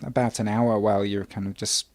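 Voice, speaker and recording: A man narrating a tabletop game as game master, relaxed and full of ums and uhs. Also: fairly low pitch, a little fast.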